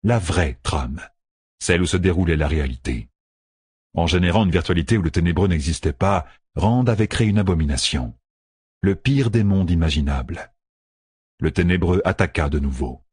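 A man narrating a story in a measured, dramatic way. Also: sits low, animated, a little mellow, slightly rough, no echo. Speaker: audiobook narrator. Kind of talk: scripted narration. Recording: dry close recording.

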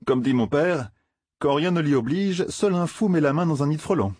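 Audiobook role: male reader playing a young hot-headed villager, raised pitch, husky, dry. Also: moderate pace, no room sound. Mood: wary. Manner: raised, excitable exclamations.

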